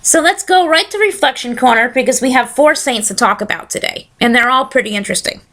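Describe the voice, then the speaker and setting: Talking fast, a solo podcast host moves from easy, casual chat into a steady reading voice. She has a slightly scratchy voice that sits a bit high, with a bright, forward edge.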